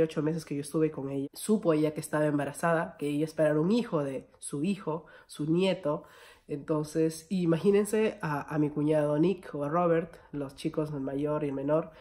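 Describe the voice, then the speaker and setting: A woman's voice: sits low, warm tone. A young Peruvian woman with a Peruvian Spanish accent tells a personal story in a storytime vlog, chatting to her viewers as friends. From Peru. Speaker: vlogger.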